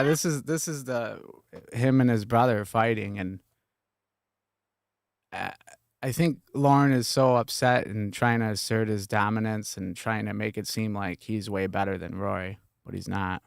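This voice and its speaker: A man's voice: fairly low pitch, unhurried, gravelly, no room sound, clean studio sound. A man hosting a stream, making offhand, casual comments as he plays recordings. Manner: offhand, mumbling asides.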